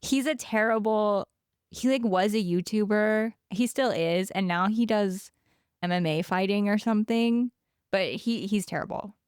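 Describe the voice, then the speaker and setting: A woman co-hosting a podcast, chatting casually with quick wry asides. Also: medium pitch, darkish tone, clear, resonant tone, no echo, clean studio sound. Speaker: podcast co-host.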